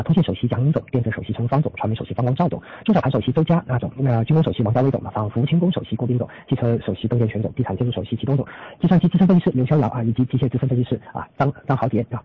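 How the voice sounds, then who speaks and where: A man's voice: mid-range voice, very fast, breathy edge. A man formally presenting prepared market analysis as the host of an investor conference call. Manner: formal, with frequent trailing "a" particles. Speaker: chief strategist hosting an investor call. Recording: tinny phone-line conference audio.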